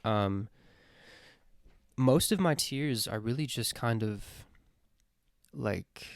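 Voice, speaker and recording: A vlogger answering his own list of questions muses aloud in a casual, sincere monologue, his medium-pitched voice slow and creaky. He rambles and hesitates, full of fillers and restarts, and swears now and then. The recording is studio quality with no echo.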